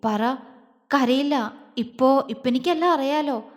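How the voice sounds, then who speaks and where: Woman voicing a soft-spoken grieving young woman. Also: high voice, unhurried. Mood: tearful. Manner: soft, hushed. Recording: long reverb.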